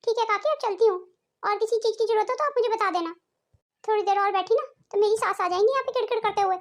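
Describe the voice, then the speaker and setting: A woman's voice: very high-pitched, fast talker. A woman voicing a strict, proud middle-aged mother-in-law in a cartoon, scolding and nagging, with faint music behind. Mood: complaining.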